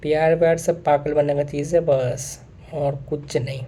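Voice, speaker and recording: Very dark-voiced young man venting. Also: on the high side, flat delivery, unhurried. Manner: earnest, repeats himself, mixes in English phrases. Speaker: vlogger. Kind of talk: casual monologue to camera.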